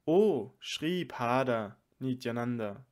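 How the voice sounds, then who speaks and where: A divine male monk speaks with loving, wondering tenderness, read aloud by a man. The pace is slow and gentle, as in an audiobook of a sacred play. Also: mid-range voice, lively intonation. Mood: wondering, tender.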